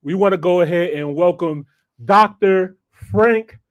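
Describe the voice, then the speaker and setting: A man's voice: high voice, measured pace, dry recording. A man hosting a live online talk show, chatting loosely with slang and frequent laughs. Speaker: podcast host. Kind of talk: casual live-stream chat.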